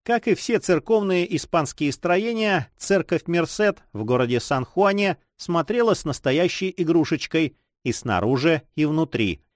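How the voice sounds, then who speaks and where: Expressive male audiobook narrator. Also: on the high side, measured pace, few pauses, no echo, studio quality. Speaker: audiobook reader. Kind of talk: scripted narration.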